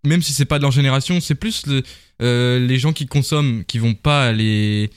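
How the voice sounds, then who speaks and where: A man's voice: medium pitch, moderate pace, clear, resonant tone, dry recording, studio quality. A man in a casual podcast chat, laid-back and slangy.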